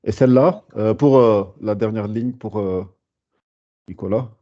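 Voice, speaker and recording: A man's voice: on the low side, unhurried. A man teaching a beginners' Arabic class, patiently repeating sounds and words, with frequent fillers and restarts. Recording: dull lo-fi sound.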